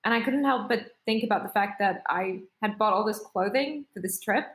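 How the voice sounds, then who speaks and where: A Singaporean woman who founded a startup recounts her story in a podcast interview, speaking in a measured, articulate way. Her medium-pitched voice is fairly bright, and the room is echoey.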